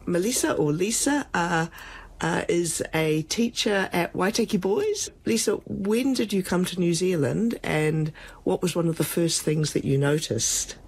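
A woman hosting a radio interview, asking gentle, sympathetic questions. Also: lowish voice, measured pace, breathy edge. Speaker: radio host.

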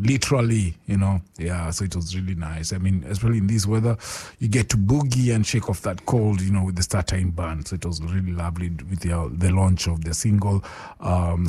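A laid-back man co-hosting a casual radio show, often calling people "man". His voice is low, mellow and a little husky. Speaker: radio co-host.

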